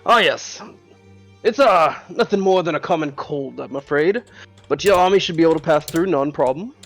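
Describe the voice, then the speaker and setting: Man playing a pompous mustache-twirling villain lord, high-pitched. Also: animated, normal speed, faint music behind. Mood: smug, breezy.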